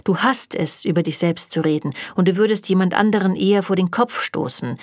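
A woman's voice: lowish voice, fairly quick, no room sound, studio quality, close to an everyday voice. A woman reading a German audiobook, voicing a cocky, blunt young male demon hunter with a teasing way of talking.

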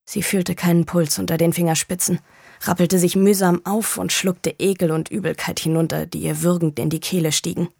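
A woman narrating a crime story in a fairly low voice, measured and grave. The recording is close and dry, with no room sound around her. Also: level tone, vocal fry, a little mellow, husky, dry recording. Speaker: audiobook narrator. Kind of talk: scripted narration of a crime novel.

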